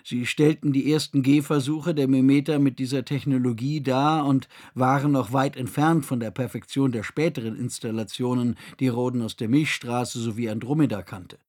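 Male audiobook narrator, husky, mid-pitched, even and measured.

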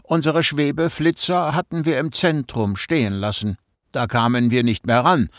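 A man narrating an audiobook in a measured storytelling manner, close to the mic. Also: medium pitch, a bit bright, no echo. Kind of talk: scripted narration.

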